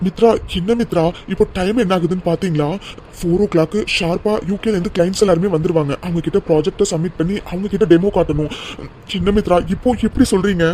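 A man's voice: high-pitched, warm tone, slight background noise, lightly acted. A man voicing a stressed young male team lead in a cartoon serial, pressed for time before a client demo. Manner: hurried, pressured.

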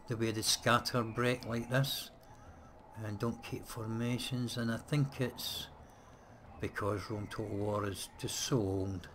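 A man who plays let's-play videos chats and mutters to himself while casually commentating on a strategy game. His voice sits on the low side and is picked up by a desk mic set close, with background noise behind him.

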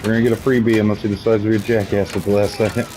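A man calmly explaining game moves to friends during an online match. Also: lowish voice, racing. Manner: calm, explaining and reassuring. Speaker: gaming friend. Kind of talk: casual gaming chat. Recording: game music under voice.

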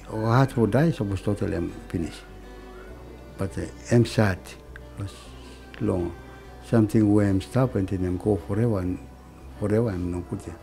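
Low creaky Solomon Islands man. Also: dark tone. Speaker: village elder. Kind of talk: interview.

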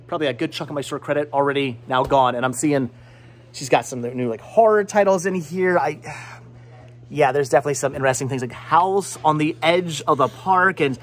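Filming a casual shopping vlog in an indoor video and game shop, a man in his forties who collects movies speaks a little fast in a slightly high voice. He holds the camera at arm's length, rambling playfully and frequently interrupting himself.

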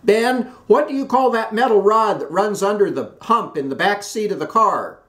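A man voicing a chatty older Southern aunt who talks nonstop, in a high, breathless run-on way. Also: sing-song, unhurried. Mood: fussy chatter. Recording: roomy echoey room.

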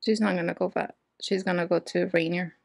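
A young woman reacts in short, subdued remarks as she watches. Her voice sits a bit low, with a raspy edge, and is recorded dry and close in a small room at home. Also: steady tone, a little fast, darkish tone, dry recording. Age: young adult. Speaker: reaction video host. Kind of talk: sparse reaction commentary to an anime.

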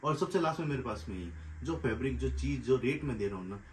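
A man's voice: mid-range voice, animated, fast, a little hiss or hum. A man selling from his garment factory, showing products indoors and insisting on his quality and price guarantees. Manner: persuasive, insistent, repeats guarantees. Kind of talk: sales pitch, showing products. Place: factory sample room, indoors.

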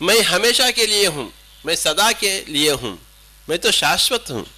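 An older man delivers a spiritual discourse in a high, lively voice that swoops up and down. He hammers points home through repetition and rhetorical questions. His tone is bright and forceful. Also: moderate pace. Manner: emphatic, repetitive, rhetorical questions, mixing in English and Hindi. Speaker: spiritual teacher.

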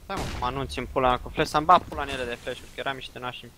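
A man talking with his team during a match, excitable, bossy and swearing a lot. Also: mid-range voice. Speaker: teammate. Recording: game noise clear behind. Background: game sounds.

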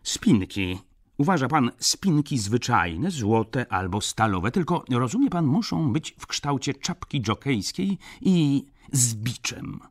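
A man reading an audiobook, voicing a flustered, absent-minded older baron in a high, fussy, nervous voice. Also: expressive, slow pace.

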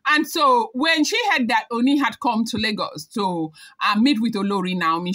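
A young woman talks celebrity gossip straight to camera. Her voice sits a little high and rings bright and forceful. She chats along easily and keeps tacking on reminders that it is all hearsay. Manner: chatty, hedging with repeated disclaimers. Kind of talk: casual gossip commentary to camera.

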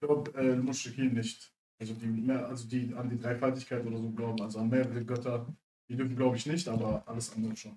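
A man's voice: medium pitch, flat delivery, fast, dark tone, poor audio. A man in casual group conversation, explaining things tentatively in slangy everyday speech. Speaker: guest in a group livestream.

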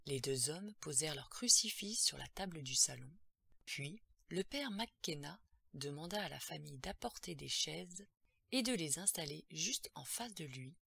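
A woman's voice: low voice, animated, normal speed, gravelly, pushed and bright, slightly rough, dry recording. A woman narrating a horror audiobook in a tense, dramatic storytelling manner.

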